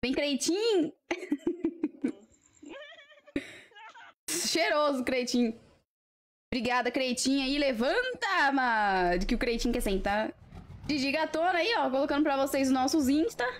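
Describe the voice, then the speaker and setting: A woman's voice: high-pitched, lively intonation, moderate pace. A Brazilian woman hosting a live stream, chatting casually with viewers in a playful, teasing way. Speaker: livestream host.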